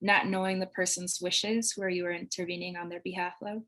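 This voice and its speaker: A woman's voice: lowish voice, little pitch movement, fairly quick, pushed and bright, low-quality recording. A woman facilitating a live online training over a video call, earnest and loose, with many "like"s and "um"s. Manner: earnest, heavy use of "like" and "um". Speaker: workshop facilitator.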